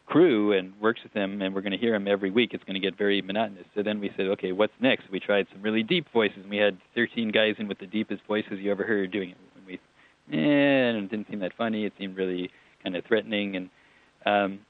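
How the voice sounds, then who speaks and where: A man's voice: on the low side, steady tone, fast, no room sound. A man being interviewed about a show he made, talking in a chatty, digressive way with small laughs and restarts. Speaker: TV writer-producer guest. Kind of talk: relaxed interview answers. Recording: tinny phone line.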